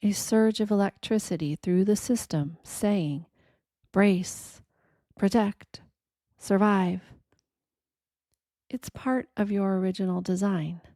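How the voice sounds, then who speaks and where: A woman gives a quiet, reflective scripted reading in a gentle, deliberate manner, leaving pauses between short phrases. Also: mid-range voice, no room sound, studio quality. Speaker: narrator of a reflective spiritual reading.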